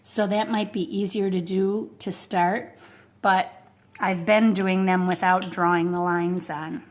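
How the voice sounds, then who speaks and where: A woman's voice: on the low side, little pitch movement, measured pace. A woman giving a casual watercolor painting tutorial at home, talking close to the mic and thinking aloud with lots of fillers. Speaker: art instructor. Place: home studio with a wood stove. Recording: faint blower hum behind.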